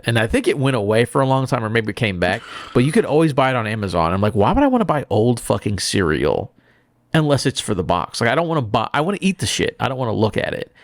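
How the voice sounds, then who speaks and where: A man with a fairly low, creaky voice chats as a podcast co-host. He rambles casually with plenty of profanity. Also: no room sound, studio quality. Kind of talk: casual chat.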